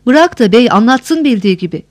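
A woman voicing a calm, composed young male warrior chief who speaks in a measured way. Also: a little high, no room sound, natural voice.

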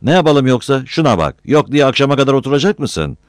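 A man's voice: extremely low pitch, fast talker, no echo, studio quality. A man voicing a bossy, angry village coffeehouse man who barks orders. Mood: bossy yelling. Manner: barking orders, yelling.

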